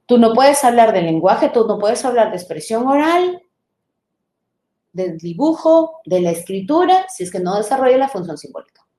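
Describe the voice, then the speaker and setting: A woman teacher trainer giving a live online lecture, explaining patiently, sounding out syllables slowly and checking in with her listeners. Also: fairly high pitch, sing-song, warm tone, echoey room.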